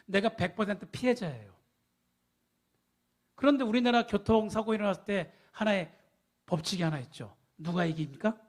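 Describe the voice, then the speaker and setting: A man preaching a sermon, emphatic, asking the congregation rhetorical questions. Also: high voice. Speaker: pastor.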